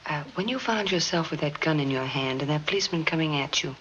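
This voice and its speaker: Lady reporter, gently leading questions, crisp bright voice, faint hiss, 1940s movie. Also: low voice, fast. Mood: coaxing, calm. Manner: soft-spoken, leading questions. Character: shrewd, coaxing female newspaper reporter. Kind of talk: 1940s film acting. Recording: muffled, noisy 1940 film soundtrack.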